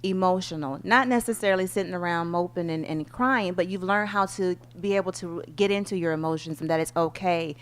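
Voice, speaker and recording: A woman hosts a talk show in a casual chat with her guest. Her voice sits a little low for a woman, and she affirms him often and laughs easily. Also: fairly quick, few pauses.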